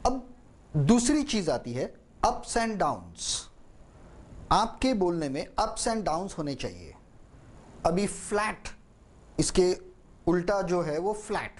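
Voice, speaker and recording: Lively-voiced man teaching public speaking. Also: a little high. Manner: slow, deliberate delivery with long pauses and demonstrations. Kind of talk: spoken lesson.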